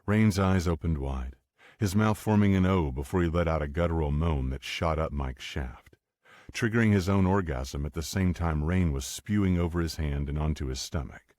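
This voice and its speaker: A man reading an audiobook romance in a steady, unhurried narration. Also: rumbling low, no room sound, clean studio sound. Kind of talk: scripted narration.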